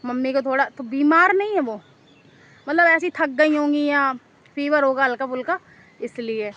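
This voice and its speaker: A woman's voice: high voice, normal speed, a bit bright, muffled recording. A woman vlogger casually telling a story to camera outdoors in a park, chatty and rambling, often repeating herself.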